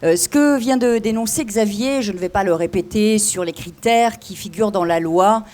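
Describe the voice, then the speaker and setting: A woman lawyer with a slight lisp on her s sounds, giving a deliberate, didactic conference talk. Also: mid-range voice, a little mellow. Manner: deliberate, didactic, enumerates points. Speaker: lawyer, invited speaker.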